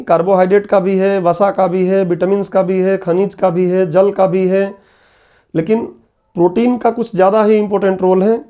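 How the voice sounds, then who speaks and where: A man's voice: high-pitched, warm tone. A man giving an exam-prep lecture, repeating key terms and putting questions to his students. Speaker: teacher. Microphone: laptop on online class.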